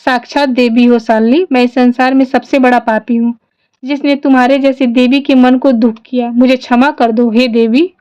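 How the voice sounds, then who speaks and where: A woman's voice: sits high, steady tone, normal speed, a little mellow, lo-fi sound, lightly acted. A woman voicing a repentant husband begging his wife for forgiveness, in a storytelling style. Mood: remorseful. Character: remorseful husband, a man repenting.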